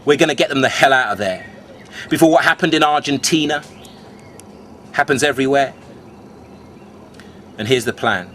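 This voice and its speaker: A man performing rhyming beat poetry in a cool beatnik manner, with dramatic, drawn-out phrasing, speaking to the listener like a conspiratorial mentor. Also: fairly high pitch, a bit bright, slight background noise. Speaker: spoken-word poet.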